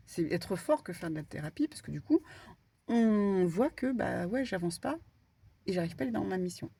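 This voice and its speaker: A woman medium giving a casual spiritual card reading, talking in an animated, stumbling way with many fillers. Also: mid-range voice, gravelly, breathy edge. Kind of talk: spiritual guidance talk, casual.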